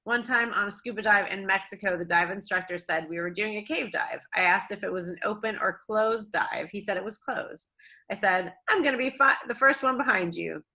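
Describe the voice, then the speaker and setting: Woman co-host, bright crisp voice, reads aloud with quips. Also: medium pitch, fairly quick, low-quality recording. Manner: chatty, adds asides while reading. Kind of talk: reading a submission aloud with comments.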